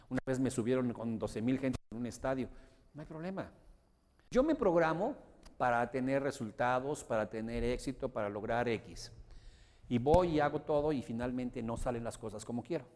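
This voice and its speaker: A man leading a motivational seminar, emphatic and often asking his audience whether he is being clear. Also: medium pitch, a little mellow. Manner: emphatic, checks understanding with rhetorical questions. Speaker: motivational course instructor. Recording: long hall reverb.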